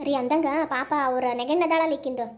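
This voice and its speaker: Woman doing a calm, protective village mother. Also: sits high, fairly quick, lightly acted. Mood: advising. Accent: North Karnataka Kannada. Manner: gently scolding, comforting.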